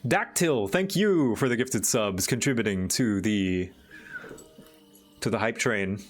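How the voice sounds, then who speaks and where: A man hosting a livestream, chatting casually and thinking aloud in a halting, musing way. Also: on the low side, lively intonation, soft background music. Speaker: livestream host.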